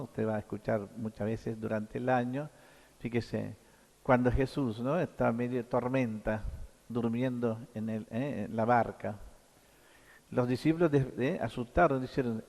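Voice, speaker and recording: Male priest, mid-pitched, halting sermon full of tag questions, long church echo. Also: a little mellow. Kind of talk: sermon at Mass.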